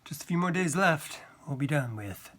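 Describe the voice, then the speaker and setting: A man hosting a story series and reading a first-person tale aloud in a hushed, intimate way. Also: fairly high pitch, lively intonation, normal speed.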